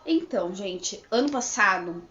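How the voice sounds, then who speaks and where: A woman's voice: mid-range voice, animated, unhurried, pushed and bright. A woman in her thirties chatting to camera in a rambling, casual way, with frequent restarts and check-ins. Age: 30s. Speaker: vlogger. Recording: echoey room, slightly dull lo-fi sound.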